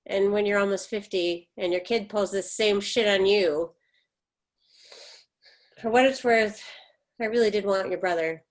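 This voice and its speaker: A woman reads the role of an embittered, defensive middle-aged mother in a stage drama, using her natural medium-pitched voice. She speaks a little slowly with long pauses, and her bitter, insistent lines land as emphatic, reproachful, clipped retorts.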